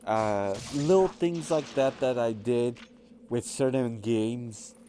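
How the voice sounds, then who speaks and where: A man's voice: mid-range voice, slow pace, dark tone, slight background noise. A man casually telling rambling personal stories while commenting over gameplay, with lots of fillers and restarts. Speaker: gaming channel host.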